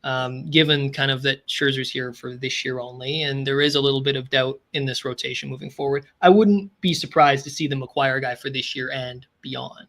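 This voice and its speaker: A man's voice: mid-range voice, steady tone, brisk, hardly any pauses, fairly bright tone. A man with a Canadian accent co-hosting a podcast, chatting casually about baseball with lots of filler words. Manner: chatty, full of "like" and "right?" fillers. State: throat-clearing, losing his voice. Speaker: podcast co-host. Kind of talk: casual sports chat.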